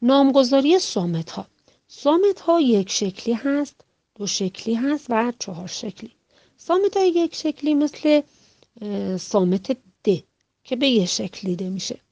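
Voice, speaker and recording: Slow, careful woman teaching letter sounds. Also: a little high, big pitch swings, mellow, no room sound, highs cut off. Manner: slow, deliberate, spelling out letter sounds one by one. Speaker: teacher trainer. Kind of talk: instructional lecture.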